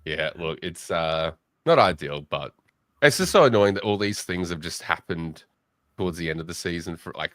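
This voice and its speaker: A man's voice: low voice, no echo, studio quality. A young Australian man hosting a casual late-night fantasy football chat, joking and bantering with his guests. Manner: joking, banter-heavy, excitable. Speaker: podcast host.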